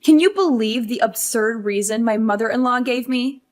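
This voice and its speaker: A woman's voice: on the high side, moderate pace, lightly acted. A woman playing an exasperated young wife. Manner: pleading, exasperated. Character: frustrated young career wife. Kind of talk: animated story voice acting.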